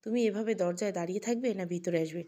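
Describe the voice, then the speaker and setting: Gentle young wife, soft and sweet, putting on a brave face, read by a woman narrator in an audio story. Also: mid-range voice, rapid-fire, lightly acted. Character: young gentle wife hiding her sadness.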